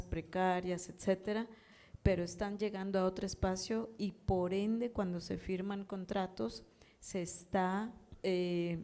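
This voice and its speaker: A woman speaking on an academic panel in a measured way, closing her points with tag questions. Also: lowish voice, dark tone.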